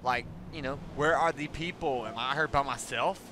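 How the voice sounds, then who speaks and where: A man's voice: medium pitch, normal speed, noisy background. A man giving casual horror game commentary as a scared streamer, jumpy and talking to himself and to the game.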